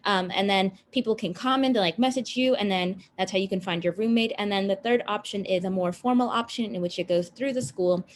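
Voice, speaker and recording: A woman's voice: mid-range voice, brisk, hardly any pauses, a little hiss or hum. A young woman student on a panel, explaining things casually with frequent fillers over a video call. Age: young adult.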